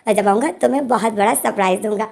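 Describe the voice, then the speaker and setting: A woman with a sore throat voicing a calm young man who teases his fiancé, speaking in a relaxed, teasing way. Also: medium pitch, quick pace, vocal fry, lightly acted.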